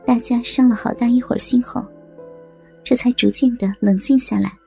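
A woman narrating a serialized story in a steady, dramatic storytelling manner. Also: on the high side, moderate pace, vocal fry, faint music behind.

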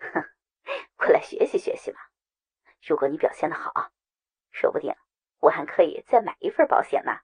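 A woman's voice: low-pitched, big pitch swings, normal speed, pauses often, darkish tone, husky, no echo, pitched below the performer's own voice, exaggerated voice. A woman voicing a sly, scheming young man with a smug, teasing drawl, in a told story. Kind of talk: storytelling narration.

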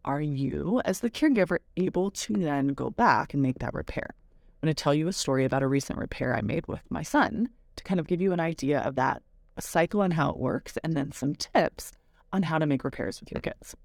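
A woman's voice: low-pitched, expressive, a little fast, creaky, a little mellow, dry recording, studio quality. A woman hosting a parenting podcast, telling a personal story in a candid, reflective, casual way.

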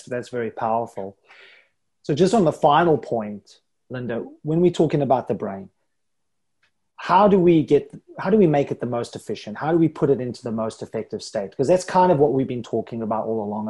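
A man hosting a podcast, asking questions in a measured, reflective way. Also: medium pitch, lively intonation, darkish tone, breathy edge. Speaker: podcast host. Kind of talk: conversational podcast interview.

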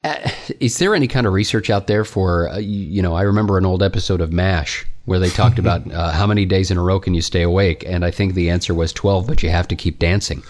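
A man's voice: deep voice, fast talker, few pauses, a little mellow. A man hosting a podcast, asking curious and wry questions in a casual interview. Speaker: podcast host.

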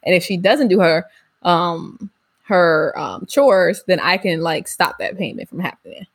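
A woman's voice: lowish voice, expressive, measured pace, husky. A woman co-hosting a casual parenting podcast, who laughs often while she talks. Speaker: co-host.

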